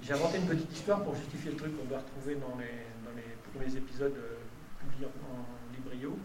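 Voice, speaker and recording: A man's voice: mid-range voice, fairly even intonation, brisk, crowd noise. A man, a novelist, talking casually in an interview, telling self-mocking anecdotes with a chuckle. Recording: roomy with clear background noise.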